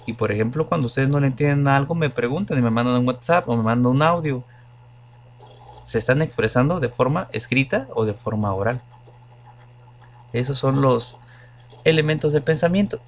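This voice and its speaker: A man's voice: medium pitch, expressive, normal speed, pauses often. A man teaching logic to his students, explaining patiently with many examples and questions to the class. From Mexico. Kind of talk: recorded lecture to students.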